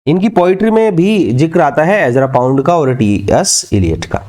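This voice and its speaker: A man giving an exam-prep literature lecture, mixing Hindi with English, asking and answering his own questions and dictating English lines slowly. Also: fairly high pitch, lively intonation, darkish tone.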